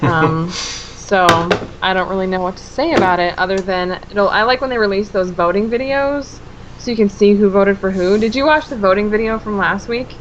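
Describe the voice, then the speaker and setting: A woman's voice: mid-range voice, moderate pace, dull audio, background noise. A woman co-hosting a casual podcast chat, opinionated and dryly sarcastic. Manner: opinionated and wry, sarcastic asides. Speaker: podcast co-host.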